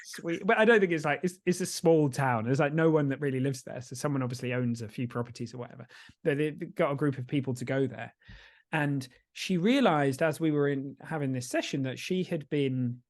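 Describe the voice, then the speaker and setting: A man's voice: mid-range voice, a little fast. A man co-hosting a sober-living podcast, chatting casually and rambling a little as he coaches. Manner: rambling, self-interrupting. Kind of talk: casual chat.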